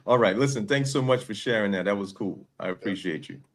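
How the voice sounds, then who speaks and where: A native New Yorker hosts a podcast, walking his guest through questions in an orderly, friendly way. His voice sits on the low side. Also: normal speed, a little hiss or hum. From New York. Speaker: podcast host. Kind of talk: podcast interview.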